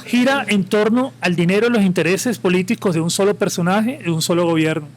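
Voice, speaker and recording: A fast-talking man with a high voice and a Caribbean-coast Colombian accent, from Santa Marta, appears as a guest at a live podcast event with an audience. He rambles on, impassioned and full of opinions.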